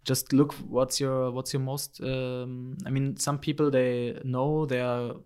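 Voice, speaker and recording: Hesitant man, halting speech. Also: medium pitch, little pitch movement, darkish tone, smooth. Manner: hesitant, many fillers and restarts. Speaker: guest photographer. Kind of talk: casual interview answers.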